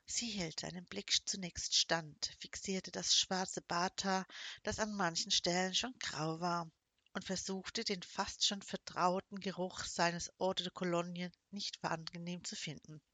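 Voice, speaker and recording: A woman narrating a historical novel in measured, even scripted storytelling. Her voice is on the low side yet bright and forceful, recorded close and completely dry. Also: no room sound. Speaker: audiobook narrator.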